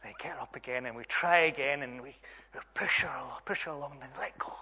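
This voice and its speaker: A man's voice: mid-range voice, fast talker, bright, forceful tone, slightly rough. A man preaching a sermon, telling a story and rising to emphatic appeals, in a dull lo-fi recording.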